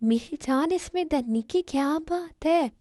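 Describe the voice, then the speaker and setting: A possessive young mafia boss, voiced by a woman, who switches from short-fused scolding to doting pet names. The voice sits a little high and sounds mellow and soft-edged. It is recorded close and dry, with no room sound. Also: unhurried, dry recording. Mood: tender. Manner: scolding then sweet-talking, calls her "my darling". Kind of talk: Hindi fan-dub romance drama.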